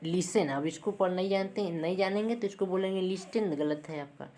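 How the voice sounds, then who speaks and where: A woman's voice: fairly low pitch, a little fast, warm tone. A woman, teaching a lesson step by step and checking in with her students after each point. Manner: repeats points, checks in with "ठीक है". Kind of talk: classroom lesson.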